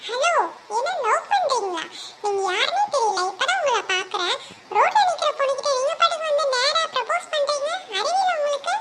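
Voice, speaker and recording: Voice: very high-pitched, lively intonation, fairly quick, heavy background noise. A performer voicing a shy young woman in a comic cartoon who protests in a flustered way.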